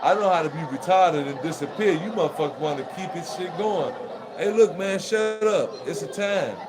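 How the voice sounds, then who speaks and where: Man, high voice, profane rambling monologue, laughing, noisy recording, crowd chatter behind. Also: animated, normal speed. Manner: profane, rambling, laughs through his talk. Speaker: vlogger. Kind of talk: casual monologue to viewers.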